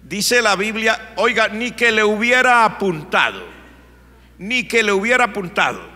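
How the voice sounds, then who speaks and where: A man's voice: high voice, animated, measured pace, pushed and bright. A male pastor, preaching a sermon in an emphatic storytelling manner. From Colombia. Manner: storytelling, emphatic, plays the characters. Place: church. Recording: long church reverb.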